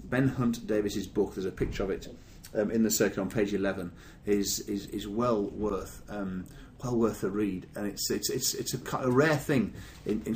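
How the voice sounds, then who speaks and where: A man's voice: lowish voice, a little mellow, a little hiss or hum. A man hosting a business podcast in casual chat, rambling with many fillers. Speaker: podcast host.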